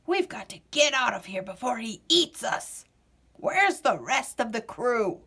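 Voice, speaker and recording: A woman's voice: on the high side, big pitch swings, unhurried, a bit bright, husky, exaggerated voice. A woman voicing a bold, suspicious male gingerbread pirate captain in a storybook, commanding and wary. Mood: alarmed, urgent.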